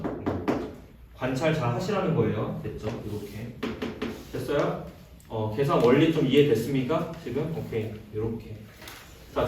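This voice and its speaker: A man's voice: mid-range voice, darkish tone. Guy teaching math in a classroom, keeps asking "got it?", voice bounces around a lot, super echoey room, a bit of hiss. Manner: checks in constantly with short questions, mixes casual and polite speech. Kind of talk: classroom lecture. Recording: roomy, distant classroom recording with faint noise.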